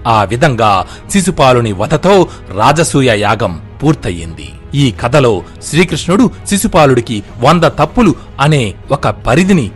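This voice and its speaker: A man narrating an epic story in a dramatic, expressive way. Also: mid-range voice.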